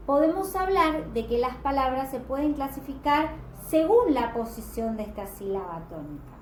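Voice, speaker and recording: A woman teaching a grammar lesson patiently, slowing down to stress example words. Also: a little high. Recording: echoey room with background noise.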